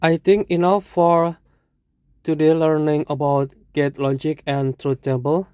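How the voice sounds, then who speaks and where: A teacher with an Indonesian accent, explaining a lesson in short, halting phrases and correcting themselves. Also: mid-range voice, little pitch movement, darkish tone, clean tone, no room sound.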